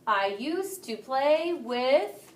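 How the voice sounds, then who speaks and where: A young woman teaching Spanish grammar to a class, explaining lively and asking students questions. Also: high-pitched, extremely slow. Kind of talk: classroom lesson.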